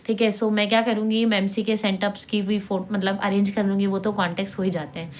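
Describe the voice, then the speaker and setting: A woman's voice: medium pitch, flat delivery, fast, a little mellow, slight background noise. A young woman from India, a medical student, giving casual advice in a chatty vlog and mixing English phrases into her talk. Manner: chatty, mixes English into Hindi, keeps asking "ठीक है?".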